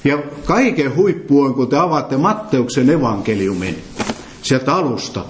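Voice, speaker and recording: A man preaches to a gathering in a roomy, echoing hall, pressing his points with emphasis. He keeps turning questions back to the listeners as he teaches. His voice sits at an ordinary middle pitch. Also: animated, slight background noise. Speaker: preacher leading a Bible study. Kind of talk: interactive sermon. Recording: roomy echo.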